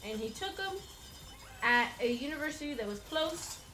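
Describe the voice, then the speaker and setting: Woman co-host, high and very bright voice, lively and bouncing, teasing banter while she plays. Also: normal speed, soft background music, low-quality recording. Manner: playful, teasing, laughs often. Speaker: co-host playing a video game. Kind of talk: casual couple chat while gaming.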